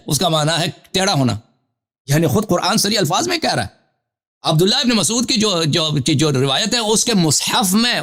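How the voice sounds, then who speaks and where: A man's voice: high voice, a bit bright. A man hosting a live call-in show, reading Arabic citations and explaining them at length, with questions for the caller. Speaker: Shia cleric host of a live call-in show. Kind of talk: scholarly lecture reading Arabic sources.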